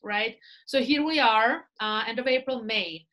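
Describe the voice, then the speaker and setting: A Russian-accented woman in her thirties, a real estate team leader, chats about her work as a guest in a casual interview over a laptop webcam video call from a small indoor room. Her voice is on the high side and unhurried. An animated storyteller, she gestures with her hands and often tags lines with "right?"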